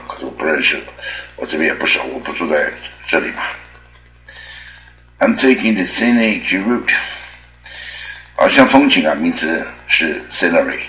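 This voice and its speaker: A man teaching English pronunciation in a chatty, rambling way, with many drawn-out filler particles. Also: very deep voice, fairly bright tone, roomy sound, rough recording. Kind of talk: spoken language lesson.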